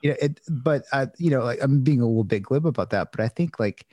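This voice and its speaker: A man's voice: mid-range voice, expressive, fast talker, a little mellow, no room sound. A man in a casual podcast roundtable, telling anecdotes in a chatty way with lots of fillers. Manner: chatty storyteller, many fillers.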